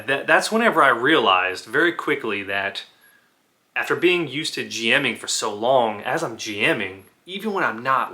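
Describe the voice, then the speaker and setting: A man hosting a casual gaming video, thinking out loud in loose, rambling sentences peppered with "like." His voice is strikingly bright and sharp at a mid pitch. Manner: rambling, full of "like" and restarts, builds analogies. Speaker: gaming channel host.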